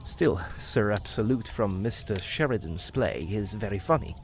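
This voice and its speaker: A man's somewhat low, expressive voice carries Walter Markham, a courteous, earnest young farmer seeking a father's blessing to marry his daughter in an old-time radio drama. He speaks at a moderate pace over a slight hiss or hum.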